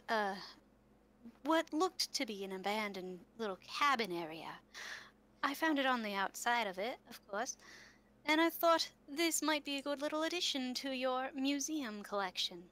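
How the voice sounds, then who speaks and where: Woman doing a fussy older lady, kind, flustered, hesitant, high voice, bright tone.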